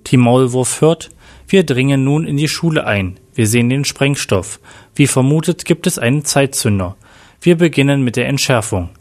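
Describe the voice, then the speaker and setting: A man's voice: mid-range voice, animated, moderate pace, darkish tone, natural voice. A man voicing a bomb squad member reporting over the radio in a clipped, matter-of-fact way. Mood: focused.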